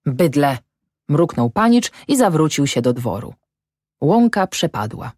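A woman narrating a classic novel in a measured, even storytelling manner. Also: low voice, dry recording, studio quality. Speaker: audiobook narrator.

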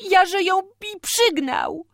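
A woman reading aloud voices a young village girl who calls out shrilly in an excited, frightened rush. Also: slow, vocal fry, dry recording, clean studio sound, full character voice. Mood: alarmed. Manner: shrill calling, breathless hurry.

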